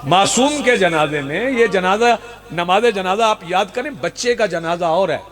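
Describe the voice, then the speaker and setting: Pakistani male preacher, high voice, rhetorical outdoor sermon with repetition. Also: expressive, unhurried, fairly bright tone. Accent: Pakistani Urdu. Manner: rhetorical, repeats lines for emphasis, rouses the crowd. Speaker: Shia preacher. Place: outdoor religious gathering.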